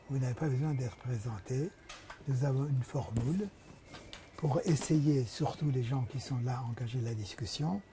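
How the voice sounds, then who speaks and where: A man hosting a bookshop event, introducing a guest speaker in a halting manner. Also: mid-range voice, noisy background. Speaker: bookshop host.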